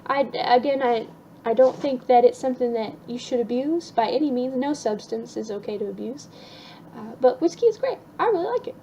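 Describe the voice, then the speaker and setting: A woman's voice: fairly high pitch, lively intonation, brisk, dark tone, highs cut off. Young woman rambling cheerfully about stuff she loves, lots of ums, slight hiss in the back. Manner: chatty, upbeat, frequent ums and restarts. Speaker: vlogger. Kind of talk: casual list vlog.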